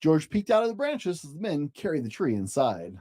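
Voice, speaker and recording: A storyteller with a mid-range, slightly breathy voice reads a children's picture book aloud at a moderate pace. The delivery is expressive and gentle, as if for young children.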